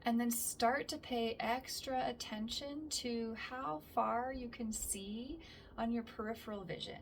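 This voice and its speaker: A woman instructor leading a calm grounding exercise, speaking gently and letting phrases trail off softly. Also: on the high side, unhurried. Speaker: somatic practice instructor. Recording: distant mic with faint background noise.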